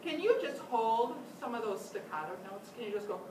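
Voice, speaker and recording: A woman's voice: on the high side, expressive, brisk. An older woman teaching a flute master class, giving encouraging instructions and frequent praise. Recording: echoey room, distant mic, loud noise.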